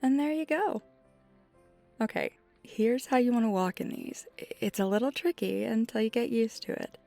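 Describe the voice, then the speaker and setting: A woman with a slightly high, expressive voice plays a flirty, friendly female vampire teaching ice skating, in one side of an ASMR roleplay. Shy and friendly, she speaks softly and reassuringly at normal speed, often in a breathy near-whisper. There is no room sound, but music plays behind her voice.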